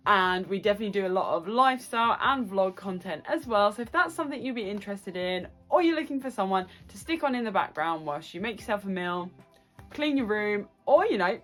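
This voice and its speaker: A woman with a cold and a nasal voice, chatting casually to camera as a book vlogger, bubbly and prone to tangents. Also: medium pitch.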